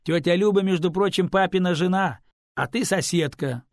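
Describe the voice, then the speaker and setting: A man's voice: high voice, moderate pace, no echo, studio quality, pitched above the performer's own voice. A man voicing a curt, mildly mocking male university student in an audiobook. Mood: teasing. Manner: curt, teasing.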